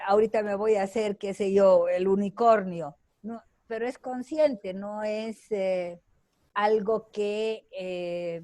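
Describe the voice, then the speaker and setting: An older woman teaches over a video call, taking her time as she answers students. She talks slowly and thinks aloud with fillers and little tag questions. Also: mid-range voice, darkish tone. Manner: slow, deliberate, with many fillers and tag questions. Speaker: lecturer.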